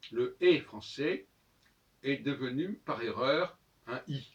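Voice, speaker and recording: A man in a halting, unscripted solo monologue who keeps pausing on fillers and restarting his sentences. His voice sits at an ordinary middle pitch. He is heard from a little way off the microphone. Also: animated, recorded from a distance. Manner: spells out letters one by one. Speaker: host of his own channel.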